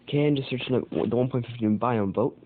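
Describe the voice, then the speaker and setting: A man's voice: mid-range voice, quick pace. Rambling American guy on a tinny mic. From United States. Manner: rambling, full of fillers and self-corrections. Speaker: channel host. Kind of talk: casual rambling commentary. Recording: tinny phone-like sound with faint noise.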